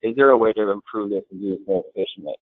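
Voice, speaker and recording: A man on a webinar panel, explaining grid security in a plain, steady way. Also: fairly low pitch, racing, no echo. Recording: tinny phone-like line, dry.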